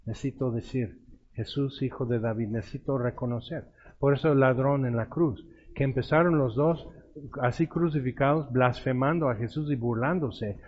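A man's voice: medium pitch, moderate pace, husky, lo-fi sound. A man preaching a sermon, retelling Bible stories and acting out the voices of the people in them. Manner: storytelling, acts out quoted voices.

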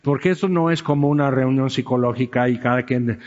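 A man's voice: mid-range voice, brisk, darkish tone. A middle-aged man, a pastor giving a candid, conversational sermon with frequent check-in asides. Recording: dull sound with long hall reverb.

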